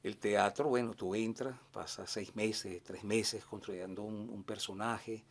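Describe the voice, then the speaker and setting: Man, interview host, calm and reflective, unhurried questions. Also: lowish voice.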